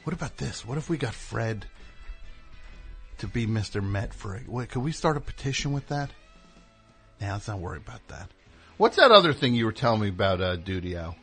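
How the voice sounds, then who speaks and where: A man hosting a live radio show, rambling in casual chat with sudden loud yelled bursts. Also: fairly low pitch, very animated, fairly quick, long pauses, faint music behind.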